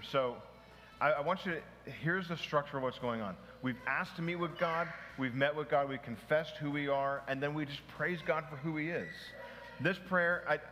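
In a hall with long reverb and faint noise, a male pastor teaches a small church group informally, restarting sentences, making asides and putting questions to the group. His voice sits in the mid-range with a slightly bright quality.

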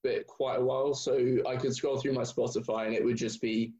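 A man's voice: medium pitch, little pitch movement, brisk, dark tone, muffled recording. A man hosting a podcast, asking questions politely and hesitantly, with plenty of ums. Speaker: podcast host. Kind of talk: casual interview. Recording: roomy.

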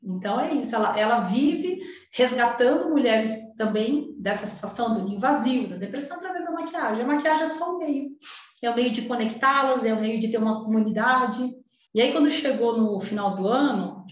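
Brazilian businesswoman, high bright voice, chatty and heartfelt, heard from a distance. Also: expressive, fairly quick. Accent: Brazilian Portuguese. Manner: emotional, chatty, peppered with slang fillers. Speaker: entrepreneur guest. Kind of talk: casual storytelling. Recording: very echoey room, voice off-mic.

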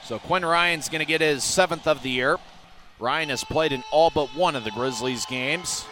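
Bright, forceful male hockey play-by-play announcer. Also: a little high, normal speed, slight background noise. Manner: excited, breaking into shouts on goals. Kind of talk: rapid hockey play-by-play commentary.

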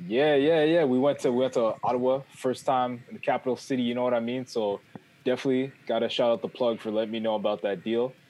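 A man's voice: mid-range voice, steady tone, fast talker, a little mellow, rough recording. A man co-hosting a podcast in casual slang, repeating himself for emphasis. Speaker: podcast co-host. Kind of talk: casual chat.

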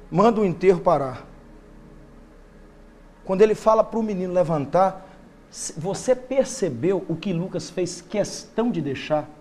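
A male preacher, delivering an impassioned sermon that swings from loud bursts to hushed intensity. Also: high voice, slight background noise.

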